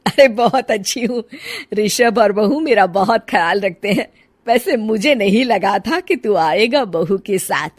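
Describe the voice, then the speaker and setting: A woman voicing an older mother in a family story, emotional and plaintive, quick to scold. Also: mid-range voice, lively intonation, no echo. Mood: pleased. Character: sad older mother, curt with stepson, pining for own son. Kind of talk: acted dialogue in a Hindi family audio story.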